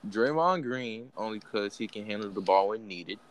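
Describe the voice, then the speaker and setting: A man's voice: lowish voice, animated, moderate pace, poor audio. A young man in a casual group chat, laid-back and slangy, teasing the others between answers. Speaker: chat guest.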